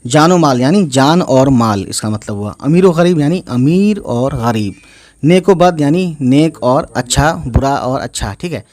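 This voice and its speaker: Male online tutor, patient and repetitive, spells words slowly and checks in with "guys" and "okay". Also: medium pitch, expressive, a little mellow. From India. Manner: slow, spells out letters and repeats each word. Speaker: Urdu teacher. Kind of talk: online reading lesson.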